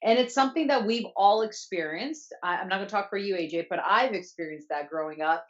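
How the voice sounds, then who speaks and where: A woman's voice: medium pitch, fairly quick, muffled recording. A woman co-hosting a casual chat show from Canada, chatty and often correcting herself. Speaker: co-host.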